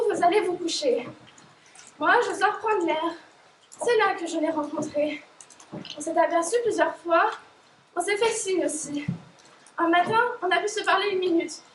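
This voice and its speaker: A woman's voice: very high voice, measured pace, long pauses. A teen girl playing a worn-out blunt young woman. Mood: dreamy. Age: teens. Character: Sophie, exhausted outspoken young working woman. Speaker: high school stage actor. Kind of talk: school stage play. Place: school stage. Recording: echoey hall from far off, faint noise.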